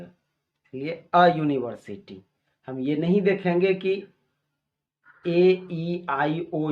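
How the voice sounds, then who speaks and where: Slow, deliberate male English teacher. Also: fairly high pitch. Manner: slow, deliberate, spells out examples. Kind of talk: explanatory lesson in Hindi. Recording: dull lo-fi recording.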